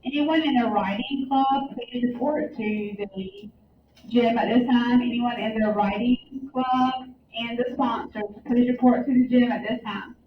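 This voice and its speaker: A woman making a slow, deliberate announcement over a school intercom, heard through a classroom loudspeaker. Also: a little high. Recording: echoey distant tinny loudspeaker with background noise.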